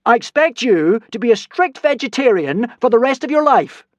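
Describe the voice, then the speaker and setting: A man reading aloud, voicing a boy who poses as a thunder god and speaks in a booming, solemn, grand way. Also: very animated, moderate pace, no room sound, highs cut off.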